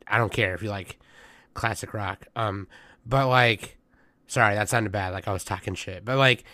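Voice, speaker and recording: Hoarse, congested young man rambling. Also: lowish voice, normal speed, bright, forceful tone, no room sound. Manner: rambling, profane, many fillers. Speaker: podcast host. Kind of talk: casual chat.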